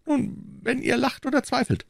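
A man voicing a refined, evasive young musketeer with a high, strained, coy delivery. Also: moderate pace, creaky, dry recording, studio quality, exaggerated voice.

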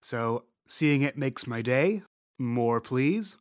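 A man narrating a tabletop game as host, relaxed with playful asides. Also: medium pitch, takes it slowly, smooth, dry recording, clean studio sound. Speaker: game master and podcast host.

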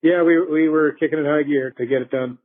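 Man on a bad phone line, husky. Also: on the high side, steady tone, quick pace. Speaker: interviewee, dam quality control specialist. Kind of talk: casual explanatory interview answers. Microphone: phone call.

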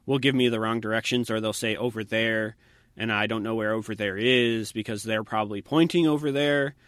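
A man casually telling personal stories in a conversation, relaxed and anecdotal, his voice dropping quietly at the ends of sentences. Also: fairly low pitch, a little fast, no room sound, clean studio sound.

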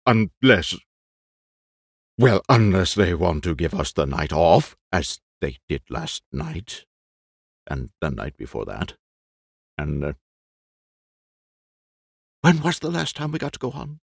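A man's voice: low-pitched, big pitch swings, slow pace, gravelly, pauses often, breathy edge, no echo, clean studio sound, heavily acted. A man performing a nervous, vain, aging Spanish stage actor who talks in theatrical, frantic outbursts. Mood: rambling.

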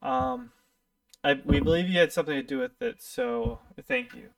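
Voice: mid-range voice, very animated, creaky, no echo, studio quality, distant mic. A game master voicing a group of nervous freed cultists who stammer and hesitate. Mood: timid, grateful. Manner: hesitant, halting with ums.

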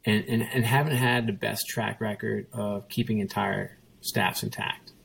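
A former chief executive, appearing as a guest in a casual interview, tells a story emphatically, repeating his points and quoting himself and others. His lowish voice is creaky, a bit bright and slightly rough, with fairly even intonation at a measured pace, and the recording is rough.

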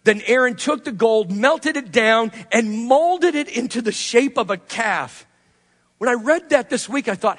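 A man preaching a sermon as pastor, swinging from loud emphasis to hushed asides. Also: very high-pitched. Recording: long reverb of a large hall.

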